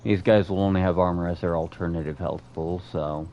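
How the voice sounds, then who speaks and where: A man's voice: low-pitched, fairly even intonation, brisk, highs cut off, slight background noise. A man doing casual live game commentary, sweary and muttering to himself as he streams.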